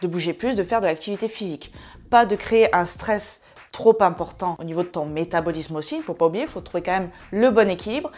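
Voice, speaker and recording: A woman's voice: lowish voice, expressive, fast, darkish tone. A woman hosting a fitness advice video, chatting casually to the viewer with playful, self-mocking asides.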